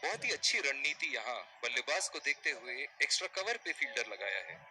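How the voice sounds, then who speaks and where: A man's voice: mid-range voice, sing-song, a little fast, pushed and bright, soft background music, rough recording. A man voicing an analytical, admiring cricket commentator in a scripted sports video game.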